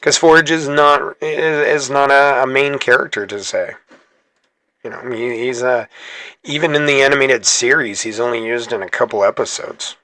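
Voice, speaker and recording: A man's voice: medium pitch, fairly even intonation, normal speed, sharp tone, dry recording. A man hosting his gaming channel, chatting casually through gameplay, rambling and correcting himself as he goes. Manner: chatty, rambling, self-correcting, laughs easily.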